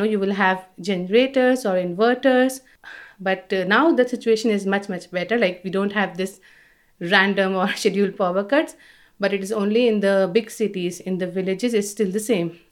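An engineer in her thirties from India answers interview questions with an Indian accent, speaking at medium pitch, fairly quickly and with fairly even intonation. Her conversational explanations are sprinkled with "you know."

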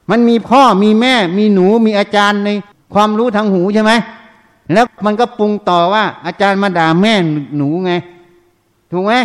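A man's voice: sits high, clear, resonant tone. A man, a Buddhist monk teacher, giving a dharma talk and constantly quizzing his listeners with short questions. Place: meditation centre hall. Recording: long reverb of a large hall.

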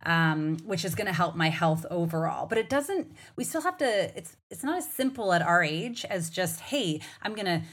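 A woman's voice: fairly low pitch, very animated, moderate pace, few pauses, fairly bright tone. A woman in her forties with a slight Canadian accent, chatting casually as a podcast host, rambling with lots of fillers and restarts. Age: 40s. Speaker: podcast host and hormone coach.

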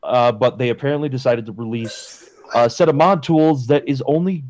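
A man's voice: medium pitch, moderate pace, a little mellow, low-quality recording. A man giving a scathing, blunt, sweary critique in casual video game talk as a podcast co-host.

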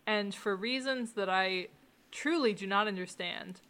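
A woman's voice: medium pitch, measured pace, fairly bright tone, slight background noise. A woman appearing as a guest on a film review podcast, talking casually with wry, vivid complaints. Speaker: special guest.

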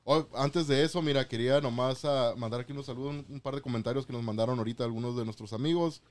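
A man's voice: mid-range voice, steady tone, quick pace. Man hosting a casual bilingual chat. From Mexico. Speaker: host. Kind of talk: bilingual casual interview, switching between Spanish and English.

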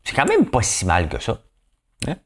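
A man with a Québécois accent talks through his podcast in a relaxed, joking way. His voice sits low but moves around constantly, rising and falling as he banters. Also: normal speed. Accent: Québécois French. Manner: playful, chatty, keeps asking "hein?". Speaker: podcast host. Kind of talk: casual commentary.

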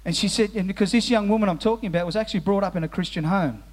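Male pastor, high voice, earnest sermon delivery with restarts, slow soft solemn lines. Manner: earnest, repeats words as he restarts phrases; drops to slow, soft tones on solemn phrases. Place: church hall with musicians present.

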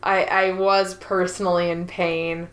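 A woman's voice: level tone, a little slow, roomy sound. Wry young woman podcast co-host. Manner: dry, wry, frequent high laughs. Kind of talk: casual chat.

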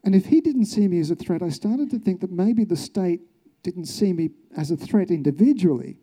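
Australian man, journalist, reflective talk, slightly raised pitch, very dark mellow timbre. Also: animated, normal speed. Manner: earnest, reflective, rhetorical questions. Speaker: journalist, speaker. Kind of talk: recounted personal story, public talk.

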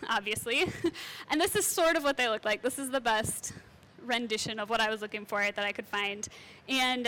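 A woman's voice: high voice, sharp tone. A young woman teaching a casual Bible lesson in a chatty, conversational way with light asides.

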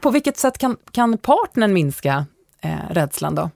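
A woman's voice: medium pitch, sing-song, creaky, darkish tone, no echo, studio quality. A woman hosting an interview, asking questions with a curious manner. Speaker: host.

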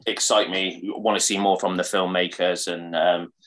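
A man's voice: sits low, flat delivery, moderate pace, fairly bright tone, low-quality recording. A man chatting casually about films he loved, enthusiastic and full of 'sort of' and 'like'. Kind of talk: casual chat.

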